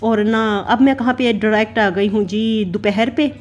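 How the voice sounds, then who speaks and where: A woman's voice: on the high side, moderate pace, a little mellow. A woman in her thirties from Pakistan, chatting through a casual voice-over for her home cooking and routine vlog. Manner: chatty, rambling, heavy use of filler "na". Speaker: vlogger mother. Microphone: voice-over recorded separately.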